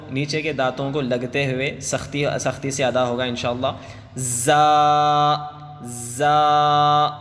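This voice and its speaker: A man teaching children Quran letters with tajweed. He chants each letter slowly and drawn out, then explains it quickly. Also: a little high, fairly bright tone. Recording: long reverb, faint music.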